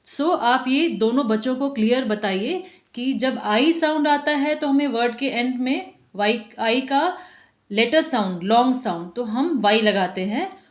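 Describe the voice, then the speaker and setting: A woman in her thirties hosts a phonics lesson and speaks slowly with a slightly high voice. She repeats every rule patiently and mixes Hindi with English. The sound carries an echo from the room. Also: lively intonation. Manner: patient, repeats each rule several times. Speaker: teacher and channel host. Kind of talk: phonics lesson for parents and kids.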